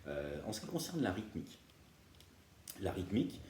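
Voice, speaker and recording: A man's voice: sits low, sing-song, normal speed, slight background noise. A man teaching beginners guitar step by step, patient and often checking that viewers follow. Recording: roomy room with loud guitar playing.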